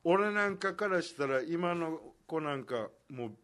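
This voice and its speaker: An older man, chatting in a relaxed, folksy way and mixing in local dialect. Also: fairly high pitch, a little slow, no room sound. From Okinawa. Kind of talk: casual chat.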